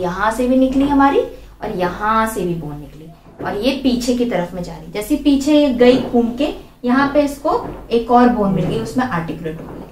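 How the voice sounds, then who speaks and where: A woman's voice: on the high side, background noise. A young woman biology teacher explaining a diagram step by step, asking her students questions and answering them herself. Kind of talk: classroom lesson, drawing and explaining. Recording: echoey room.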